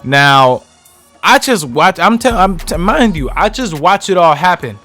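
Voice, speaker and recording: A man's voice: high-pitched, sing-song, measured pace, sharp tone, faint music behind. A young man telling a heated, profane storytime about his own night out. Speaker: vlogger. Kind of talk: casual storytime.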